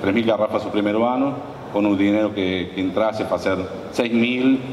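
A man from Argentina speaking Portuguese with an Argentine Spanish accent as a guest speaker on stage, telling his story in a halting way full of restarts. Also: on the low side, fairly even intonation, darkish tone, highs cut off. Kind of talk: conversational stage interview. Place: large conference hall, on stage. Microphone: handheld mic, far camera. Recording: roomy hall from far off, with audience noise.

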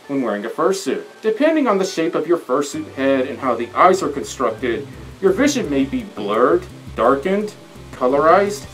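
A man's voice: a little high, big pitch swings, moderate pace, soft background music, low-quality recording. A man giving casual, earnest how-to advice through a costume head, with little chuckles. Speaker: fursuit guide presenter. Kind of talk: casual instructional talk.

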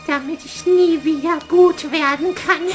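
A man voicing a scheming, bossy old witch in a puppet theater play, with a shrill falsetto cackle and a commanding, theatrical manner. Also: fairly bright tone, exaggerated voice.

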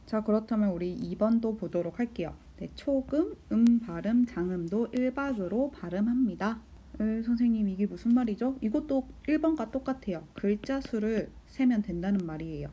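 Mellow-voiced woman teaching a lesson. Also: mid-range voice, expressive, breathy edge, highs cut off. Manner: patient, asks the class questions and answers them herself; counts beats aloud slowly. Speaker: Japanese teacher. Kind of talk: recorded school lesson explanation.

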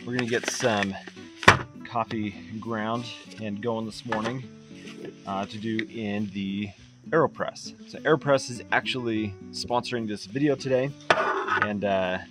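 A man vlogging at an outdoor campsite, casually walking through his camping gear with loose, rambling speech and fillers. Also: fairly low pitch. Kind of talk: casual gear walkthrough vlog.

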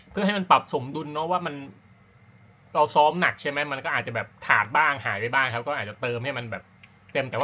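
With a slightly high, bright voice and a forceful delivery, an amateur runner talks to the camera for his vlog. He explains his routine loosely and rambles, stopping to correct himself along the way.

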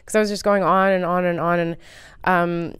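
A woman's voice: fairly low pitch, flat delivery, normal speed, fairly bright tone, clean tone, no echo, clean studio sound. An American woman comedian chatting casually as an interview guest, rambling and self-deprecating with plenty of fillers. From United States.

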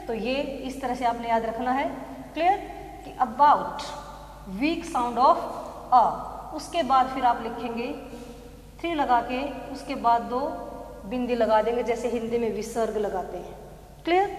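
A woman teaching a phonetics lesson, slowly repeating example words and asking "clear?" after almost every point. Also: on the high side. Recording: echoey hall with long reverb.

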